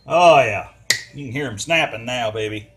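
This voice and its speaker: A DIY mechanic from the United States, an older man hosting a video, talks folksily to himself as he handles a repair, using colloquial, muttered commentary. He has a mid-range voice at normal speed, with a little hiss or hum in the audio.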